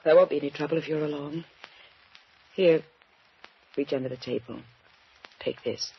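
This actress gives a full character performance as a guarded, anxious woman pleading for help in a 1940s radio play. Her voice sits low and slightly rough at a normal speed, tense and urgent in its pleading. Music plays beneath the dull sound of the old radio recording.

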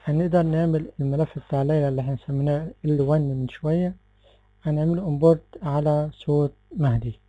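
A man with an Egyptian Arabic accent gives a relaxed software tutorial, explaining step by step and often stopping to correct himself. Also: on the high side, quick pace, no echo, narrow, tinny audio. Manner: relaxed, explanatory, with frequent fillers and self-corrections. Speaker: tech tutorial presenter. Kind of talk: screen-recorded software tutorial.

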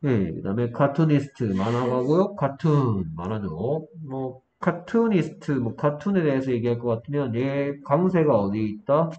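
A man's voice: mid-range voice, big pitch swings, warm tone. Man teaching an English lesson, dull recording. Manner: explains step by step, drills with quick questions. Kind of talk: exam-prep lesson, quizzing a student. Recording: dull lo-fi room recording, faint noise.

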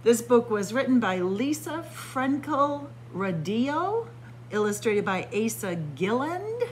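Slow and sing-song, a middle-aged librarian's highish voice carries a picture book to children word by word with teacherly emphasis. A webcam or phone held at arm's length records her close up in a small library room, picking up a little hiss or hum.

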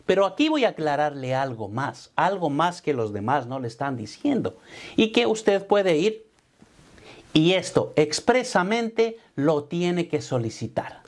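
Seated at a desk in a home studio office with a brick wall, a middle-aged tax advisor and business coach explains things to camera through a lapel mic. His voice is a little high and very animated, yet he speaks slowly and emphatically, addressing the viewer with formal "usted" and slipping English terms into his Spanish.

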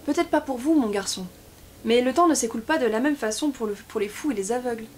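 A woman's voice: a little high, expressive, fast, a little mellow, a little hiss or hum, close to an everyday voice. Woman voicing a frail, imperious old king.

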